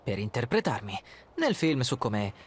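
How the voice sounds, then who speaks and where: A man's voice: mid-range voice, very animated, unhurried. An actor dubbing a wry, joking young male survivor in a horror video game. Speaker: game character Dylan. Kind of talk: Italian game dub.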